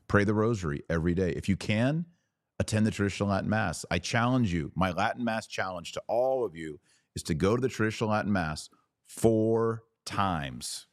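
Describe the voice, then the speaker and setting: Speaking at a fairly low pitch, a man hosting a podcast launches into a fervent religious monologue, emphatic and exhorting, built on rhetorical questions and repetition. The audio is studio quality with no room sound.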